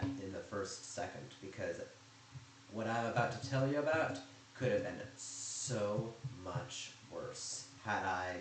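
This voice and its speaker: A man casually telling a rambling story about his game server, chatty and full of sarcastic asides. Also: deep voice. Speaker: YouTuber recounting server drama. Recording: very echoey room, faint noise.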